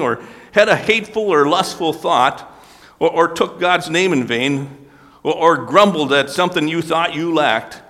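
A man's voice: a little high, a bit bright, long reverb tail. A man preaching a sermon in an earnest way, often repeating words and asking his listeners rhetorical questions. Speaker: pastor.

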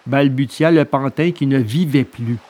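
A man narrating a children's tale aloud in a steady, expressive storytelling voice. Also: mid-range voice, moderate pace. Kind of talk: audiobook reading of a children's tale.

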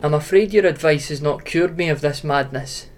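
A man's voice: a little high, normal speed, natural voice. An actor playing a feverish young man tormented by a haunting voice, pleading urgently. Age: young adult.

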